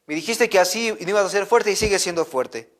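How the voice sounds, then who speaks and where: A cunning, scheming woman scolds with reproach in a raised, fairly high voice , as a male storyteller puts her on. It is a storybook figure in a children's lesson, told in the storyteller's own voice. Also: lively intonation, a little fast. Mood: reproachful.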